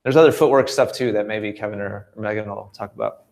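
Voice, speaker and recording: A man's voice: lowish voice, brisk, vocal fry, darkish tone. A man hosting a live tennis coaching stream, talking with many "uh" fillers and restarts as he explains. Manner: hesitant, frequent uh fillers and restarts. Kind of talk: live coaching panel chat.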